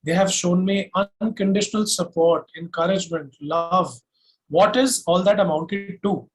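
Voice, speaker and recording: This guest, a singer-songwriter and music producer with an Indian accent, speaks at a moderate pace in a high voice with fairly steady intonation. He responds to interview questions confidently and forcefully, working through each point methodically, on a rough recording.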